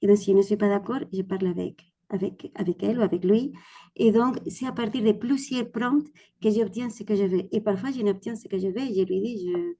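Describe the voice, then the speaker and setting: A woman's voice: mid-range voice, steady tone, a little fast, mellow. A woman from Spain with a Spanish accent, asking a question on a video call, hesitant and often repeating words. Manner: hesitant, repeats words while searching for phrasing. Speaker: webinar participant asking a question. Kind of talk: casual spoken question.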